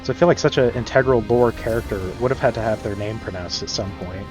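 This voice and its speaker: A man's voice: medium pitch, fast talker. Rambling male game streamer, chuckling. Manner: rambling, chuckles often, many fillers. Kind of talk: casual chat while streaming a game. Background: game music.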